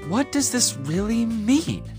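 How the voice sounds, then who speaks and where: In a long echo with faint music behind, a grumbling young man complains in a video game. His voice is very high and wildly animated, whiny and exasperated. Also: takes it slowly, exaggerated voice. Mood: wary. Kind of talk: game voice acting. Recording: very echoey hall reverb.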